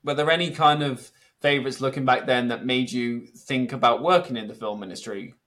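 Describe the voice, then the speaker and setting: A man's voice: medium pitch, fairly quick, fairly bright tone. A man hosting a podcast, reading prepared introductions and putting interview questions to a guest. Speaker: podcast host.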